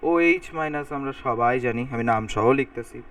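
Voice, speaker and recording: A man's voice: medium pitch, fairly quick, fairly bright tone, smooth. A man giving a recorded chemistry lecture. He thinks aloud as he writes, and he repeats word endings to drill how they are said. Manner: talks while writing on a board, thinking aloud, repeating sounds to drill pronunciation. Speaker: chemistry teacher. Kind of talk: recorded lecture explaining formulas. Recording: voice a bit far from the mic.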